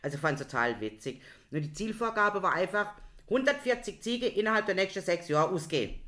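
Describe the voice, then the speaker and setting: A woman's voice: mid-range voice, big pitch swings, a little fast, a bit bright. A woman co-hosting a casual chat, chatty and rambling. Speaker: podcast co-host.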